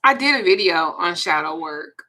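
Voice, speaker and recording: A woman's voice: lowish voice, animated, moderate pace, bright, forceful tone. A woman in her forties with a Southern US accent, hosting a candid, profane, confiding casual chat. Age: 40s. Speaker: host.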